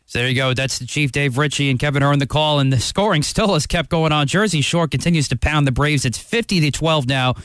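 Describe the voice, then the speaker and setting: A man hosting a radio sports show, recapping scores and introducing highlight clips. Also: a little fast, hardly any pauses, fairly bright tone, no room sound, clean studio sound. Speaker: radio halftime host.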